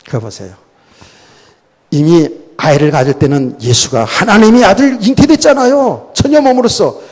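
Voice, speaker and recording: A male pastor giving a sermon, dramatic and animated, dropping to quiet asides and then rising to loud exclamations. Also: sits high, moderate pace. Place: church sanctuary. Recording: long church hall reverb.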